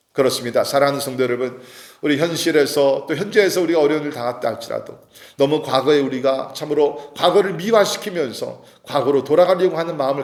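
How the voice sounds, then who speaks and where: A man preaching an early morning church sermon as pastor, earnest, with frequent filler sounds and rising emphasis on key points. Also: fairly high pitch. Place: church sanctuary. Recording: echoey church hall.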